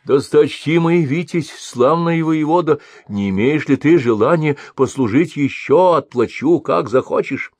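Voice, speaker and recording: A shrill, whining old blind merchant, greedy and wheedling, as a male storyteller puts him on. The voice sits far above the reader's own low register and sounds dry and close. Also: expressive, a little slow, hardly any pauses, darkish tone, no room sound. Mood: fawning.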